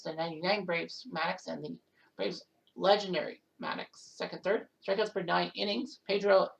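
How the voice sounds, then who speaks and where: A woman hosting a casual recap of a simulated baseball season, reading off league leaders with quick asides and self-corrections. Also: mid-range voice, vocal fry, rough recording. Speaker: host. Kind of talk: casual game stats recap.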